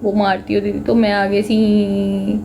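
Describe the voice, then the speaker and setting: A woman's voice: medium pitch, monotone, unhurried, vocal fry, mellow, a little hiss or hum. A young woman with a Punjabi accent, chatting and joking with viewers on a casual livestream. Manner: chatty, joking and self-mocking, mixing Punjabi into Hindi. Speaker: livestream host.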